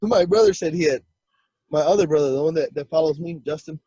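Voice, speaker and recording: A man with a high, excitable voice tells his encounter story as a guest, jumping into the voices of the people he quotes and laughing as he goes. The sound is dull and lo-fi, and the room is dry. His telling is animated. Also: fast talker, breathy edge, no echo.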